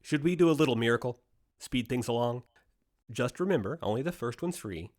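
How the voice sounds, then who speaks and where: A man's voice: medium pitch, expressive, a little fast, noisy background, lightly acted. A man playing a breezy Satan in human guise in an audio drama, glib, casual and full of mock sympathy. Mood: glib, sardonic. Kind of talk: modern audio drama acting.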